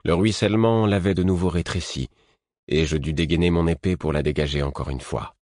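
A man reading a first-person audiobook in a measured, even storytelling manner. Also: sits low, no room sound, clean studio sound. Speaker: audiobook narrator. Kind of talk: scripted first-person narration.

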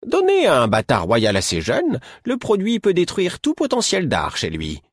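A man voicing a stern, fretful woman in a storybook, speaking sharply and reproachfully in a raised, husky voice. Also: lowish voice, wildly swooping pitch, normal speed, no echo, clean studio sound, voice pushed up, exaggerated voice. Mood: scolding.

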